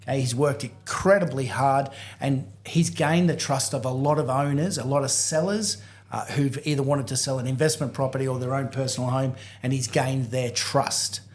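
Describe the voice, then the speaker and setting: A man's voice: medium pitch, moderate pace, few pauses. A man hosting a real estate podcast, introducing his guest with upbeat enthusiasm. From Australia. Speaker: podcast host. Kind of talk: casual podcast interview.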